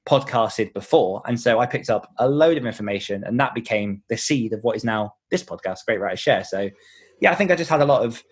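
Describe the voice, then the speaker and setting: In a conversational podcast interview, an author who hosts his own podcast answers with earnest explanations, reasoning aloud. He sounds animated and brisk, with a medium-pitched, slightly rough voice.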